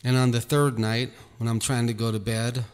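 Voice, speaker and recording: A man giving an earnest personal testimony about his ministry, talking slowly and repeating himself. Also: medium pitch, level tone, clear, resonant tone, long reverb tail. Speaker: ministry leader.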